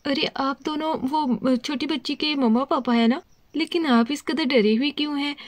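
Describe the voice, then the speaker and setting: A woman playing a calm, kind ambulance doctor in a children's doll story, soothing and reassuring. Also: sits high, normal speed, no room sound, natural voice. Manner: soothing, repeats "ठीक है ना" to reassure.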